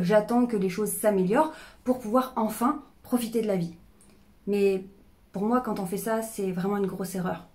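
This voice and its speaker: Candid woman in her thirties talking to camera. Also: mid-range voice. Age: 30s. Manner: candid, expressive, with fillers and restarts. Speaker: personal development YouTuber. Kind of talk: casual talk to camera.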